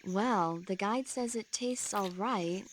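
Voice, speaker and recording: An actress playing a friendly, chatty support medic who explains things eagerly in a video game. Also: female voice, medium pitch, slow, slight background noise, close to an everyday voice. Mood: informative. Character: friendly, eager female radio support medic, movie buff.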